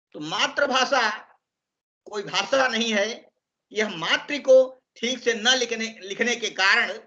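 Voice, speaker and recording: A man with a high, bright voice teaches an online training session. He explains slowly and deliberately, pausing often between phrases. The sound comes through a video call and is somewhat muffled. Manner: slow, deliberate explanation with frequent pauses. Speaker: Hindi language trainer.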